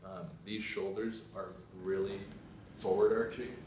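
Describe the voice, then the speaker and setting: A young man, a fashion design student, chatting casually in a vlog, rambling and trailing off into quiet asides. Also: lowish voice, little pitch movement, a little slow, distant mic, a little hiss or hum. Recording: roomy sound from off mic, faint ambience.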